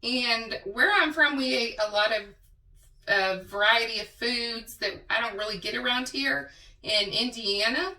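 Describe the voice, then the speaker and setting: A high-pitched, bright-toned woman with a West Texas drawl, chatting slowly and drawing out her words as she talks to viewers. The recording sits in an echoey room, a little away from the mic. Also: distant mic. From Texas Panhandle. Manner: chatty, drawn-out words, says y'all. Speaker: mukbang vlogger. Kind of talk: casual eating vlog chat.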